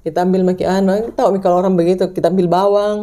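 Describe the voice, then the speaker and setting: A woman's voice: steady tone, racing, dark tone. A woman telling a ghost story in casual chat, rambling with restarts and acting out the people in it. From Indonesia. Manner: rambling, full of restarts, acts out voices in high pitch.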